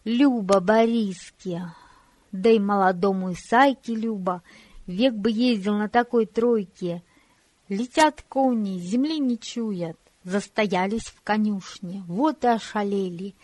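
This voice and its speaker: A woman reading a historical story aloud in an expressive, measured way into a close studio mic. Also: medium pitch, no echo. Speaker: audiobook narrator. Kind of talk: scripted storybook narration.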